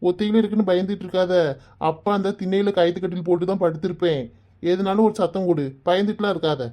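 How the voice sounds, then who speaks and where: A woman voicing a caring village father in an animated cartoon, soothing and fatherly. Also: on the low side, fast, close to an everyday voice. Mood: reassuring. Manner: soothing, fatherly advice and comic storytelling. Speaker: father figure. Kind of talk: Tamil cartoon voice acting.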